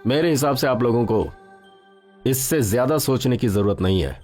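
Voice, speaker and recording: An actor dubbing a cautious, resigned doctor who speaks in a calm, measured way. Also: male voice, mid-range voice, close to an everyday voice. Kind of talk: Hindi dubbed action film. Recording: film dub with background music.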